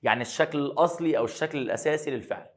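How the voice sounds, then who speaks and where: A man with an Egyptian Arabic accent teaching English grammar to high school students, asking questions and then answering them himself, and slowing down to spell out the English words.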